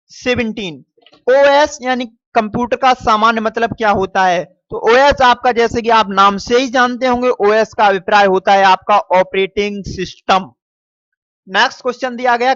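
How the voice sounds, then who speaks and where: A man's voice: high-pitched, fairly bright tone. A male teacher goes through a quiz paper question by question, stretching out each answer and calling his students "dear children". He slips English phrases into his explanations. The recording is muffled and dry, with no room echo. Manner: repeats and stretches answers slowly; mixes English phrases into Hindi. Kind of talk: exam paper walkthrough lesson.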